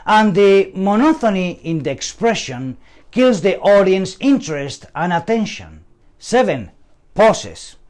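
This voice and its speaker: A man giving a scripted training lecture on communication, working through numbered points deliberately with pauses. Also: sits high, darkish tone.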